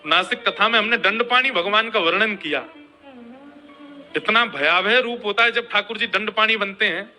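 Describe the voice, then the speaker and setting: Bright-voiced man telling a devotional story. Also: sits high, moderate pace, soft background music. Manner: dramatic, chants verses.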